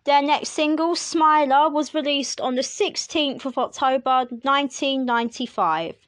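A woman's voice: sits high, a little slow, dry recording, clean studio sound. A woman hosting a music podcast, reading release lists in a chatty way with wry asides to the listener. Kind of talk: casual solo commentary.

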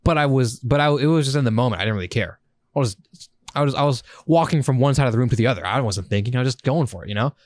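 A man's voice: mid-range voice, very fast, no echo. A young man co-hosting a podcast, telling casual stories with lots of swearing and acted-out reactions. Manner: animated storytelling, swears a lot, acts out his own reactions. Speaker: podcast co-host. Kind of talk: casual chat.

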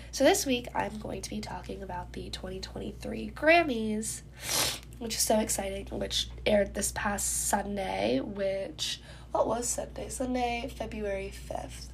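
Getting ready mid-conversation, a young adult woman hosts a loose solo podcast with many ums, her voice stuffy and congested and her throat sore after being ill. She speaks a little high at a measured pace with vocal fry, over slight background noise.

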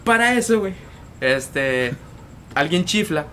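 A man's voice: fairly high pitch, lively intonation, takes it slowly, pushed and bright, a little hiss or hum. A young man, telling a street story in a casual podcast chat, full of slang and repeated words. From Mexico. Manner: slangy, repeats words and tags lines with "güey". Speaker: podcast co-host.

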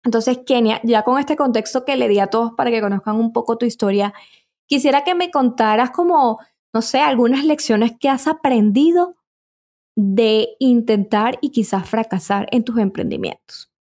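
A woman hosting a casual podcast, talking in an eager, chatty way with plenty of asides. Her voice sits a little high for a woman. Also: moderate pace, darkish tone. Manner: chatty and enthusiastic, many asides. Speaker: podcast host.

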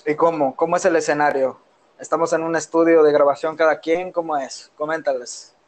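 Speaking a little fast in a fairly high voice with fairly even intonation, this man co-hosts a playful, rambling casual podcast. He's from Yucatán, Mexico, has a Yucatecan accent, and records on his phone in his own room.

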